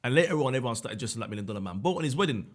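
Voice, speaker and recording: A man's voice: medium pitch, lively intonation. A young man, boasting and joking in casual banter on a podcast. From Islington, London. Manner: boastful, joking, quick to laugh. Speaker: podcast guest, comedian.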